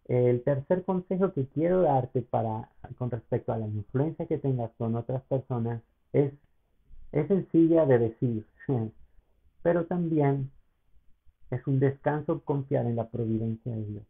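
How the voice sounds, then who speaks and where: A man's voice: medium pitch, a little slow, vocal fry, husky. A male pastor, giving an earnest, personal sermon that often turns to address the listener. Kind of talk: sermon podcast talk. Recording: tinny phone-like sound.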